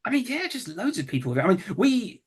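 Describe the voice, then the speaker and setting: A man with a London accent, a comedian telling stories in a casual interview, relaxed with many fillers and restarts. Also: high voice, a little fast, breathy edge. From England. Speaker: comedian guest.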